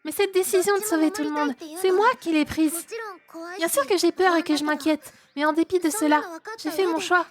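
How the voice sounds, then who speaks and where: A woman's voice: extremely high pitch, steady tone, brisk. A woman with a French accent voicing a timid but resolute teenage girl, reading game dialogue aloud on stream. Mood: earnest. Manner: sincere, soft-spoken and resolute. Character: timid, earnest teen girl finding her courage.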